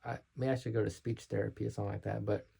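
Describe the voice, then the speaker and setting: Gravelly, hesitant man vlogging. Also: fairly low pitch, flat delivery, racing, mellow. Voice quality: slurs his words. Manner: hesitant and self-conscious, with many restarts. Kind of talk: unscripted talk to camera.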